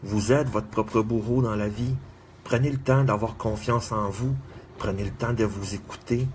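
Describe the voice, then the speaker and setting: A man speaks in a lowish voice, delivering an earnest motivational monologue. He repeats encouraging phrases in slow, measured runs. A faint hiss sits quietly under his voice. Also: fairly even intonation. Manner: earnest, repetitive exhortations with measured pauses; greets viewers by name.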